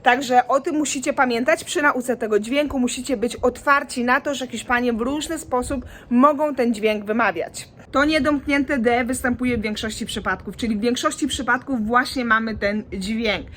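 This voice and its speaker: A young woman with a fairly high voice explains pronunciation in a relaxed video lesson. She talks informally and animatedly. She sounds a bit worn out from working late. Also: moderate pace, hardly any pauses, slight background noise. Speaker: Spanish pronunciation teacher.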